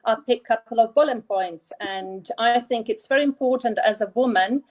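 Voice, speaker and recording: A woman from Latvia, a guest on an online talk, speaking in a hesitant, halting way. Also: a little high, a little mellow, rough recording. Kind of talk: online event chat.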